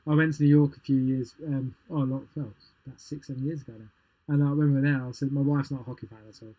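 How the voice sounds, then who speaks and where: A man's voice: mid-range voice, steady tone, fast talker, mellow, highs cut off. A man, rambling and chatty as a co-host in a casual podcast chat, laughing easily.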